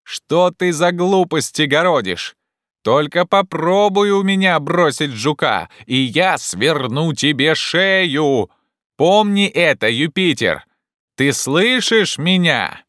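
A man voicing an excitable, feverish gentleman who shouts with loud urgency. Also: on the high side, takes it slowly, dry recording, studio quality, pitched above the performer's own voice. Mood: agitated shouting.

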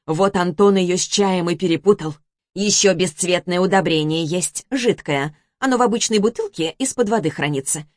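A woman's voice: lowish voice, moderate pace, darkish tone, dry recording, clean studio sound, lightly acted. Woman reading a matter-of-fact woman. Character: calm woman backing her friend up.

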